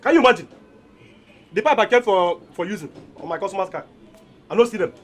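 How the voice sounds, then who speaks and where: A man with a Nigerian accent playing an aggrieved, loudly complaining car mechanic. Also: high voice, very fast.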